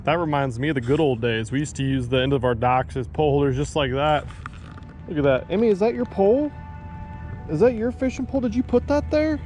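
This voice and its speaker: Soft music plays behind a fishing vlogger in his thirties as he fishes from a bass boat on a lake. His fairly high, slightly mellow voice moves fairly quickly through casual, self-deprecating commentary, some of it aimed at his dog, all captured by an action camera on the boat.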